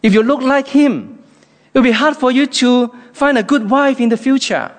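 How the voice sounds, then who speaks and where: A man's voice: very high-pitched, moderate pace, pitched above the performer's own voice. Teasing mother, as a man puts her on. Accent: Hong Kong.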